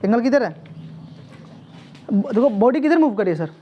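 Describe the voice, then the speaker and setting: A man's voice: very high-pitched, sing-song, normal speed, highs cut off, a little hiss or hum. A man teaching physics to a classroom in Hindi mixed with English terms. He fires questions at the students, tacks "sir" onto almost every line and scolds them when they stall. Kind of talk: classroom lecture.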